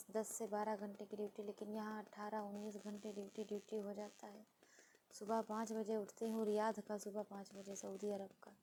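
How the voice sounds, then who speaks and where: A woman from India speaks in a sad, pleading vlog. Her voice is mellow and nearly monotone, and she keeps repeating her appeals. Faint noise sits behind her. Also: mid-range voice, gravelly, rough recording. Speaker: vlogger. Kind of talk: emotional personal vlog.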